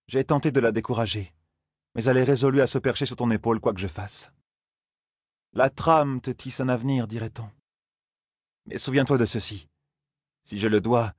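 A man reading an audiobook voices a stern woman sorceress who lays down demands in a measured, imposing way. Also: lowish voice, husky, no echo, clean studio sound, pitched above the performer's own voice. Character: stern, commanding woman sorceress, cold authority.

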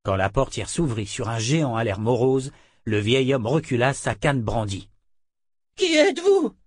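A man reading a fantasy novel aloud as narrator, measured and steady. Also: mid-range voice, slightly rough, dry recording, clean studio sound. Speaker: audiobook narrator. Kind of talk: scripted narration.

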